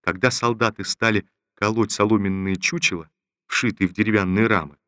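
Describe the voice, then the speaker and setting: A man reading a classic novel aloud in a measured, even narration. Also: fairly low pitch, smooth, no echo, studio quality. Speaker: audiobook reader. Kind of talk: scripted literary narration.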